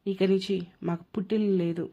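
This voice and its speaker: A woman's voice: mid-range voice, fairly even intonation, fairly quick, mellow, natural voice. A woman voicing a young sister-in-law who speaks up boldly to defend her brother's wife. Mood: tearful. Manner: outspoken, supportive. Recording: dull lo-fi recording.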